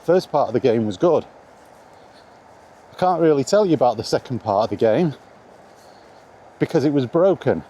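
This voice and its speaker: Strolling outdoors in the rain, a middle-aged British vlogger chats informally and meanderingly about video games and his opinions, swearing mildly. He speaks at normal speed with a warm, medium-pitched voice, lively intonation, and frequent pauses. There's faint outdoor ambient noise.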